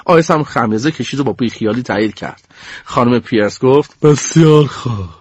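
A man reading a children's story aloud in a playful, animated way, often chuckling. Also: medium pitch, slightly rough, no echo, dull audio. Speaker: narrator.

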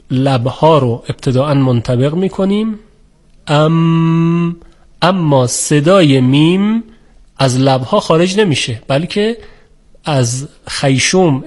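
Man, teacher, formal explanatory lecture, measured delivery, somewhat high voice. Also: darkish tone. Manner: measured, formal, with polite set phrases. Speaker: Quran recitation teacher.

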